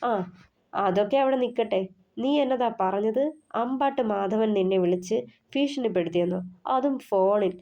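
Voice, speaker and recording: Woman doing a wry sardonic young man, teasing, dark mellow tone, dull recording. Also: mid-range voice, moderate pace, natural voice. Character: wry young male best friend, mocking.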